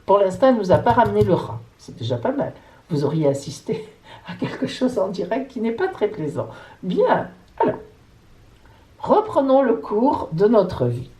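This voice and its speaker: Chatty woman with a lively, mellow voice. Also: mid-range voice, normal speed, low-quality recording. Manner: chatty, playful, jokey asides. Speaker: psychic astrologer. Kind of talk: casual chatty vlog.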